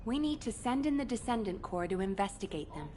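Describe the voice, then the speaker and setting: A woman's voice: fairly high pitch, expressive, a little fast, warm tone, slight background noise, lightly acted. A woman playing a composed mission operator in a video game, briefing soldiers in a formal, precise, authoritative way. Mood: formal, urgent. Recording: distant sound under clear music.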